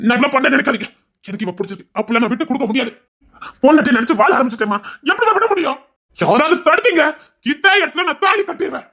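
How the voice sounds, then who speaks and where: A man's voice: very high-pitched, pushed and bright, exaggerated voice. A young actor with a Tirunelveli Tamil accent playing a stubborn young man who insists, defiant and pleading. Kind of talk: dramatic serial acting.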